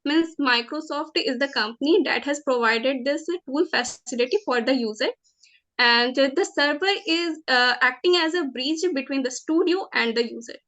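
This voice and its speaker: A woman in her twenties with an Indian accent, giving formal interview answers as a job candidate in a nervous, halting, hesitant manner. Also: high voice, sharp tone. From Jharkhand, India. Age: 20s.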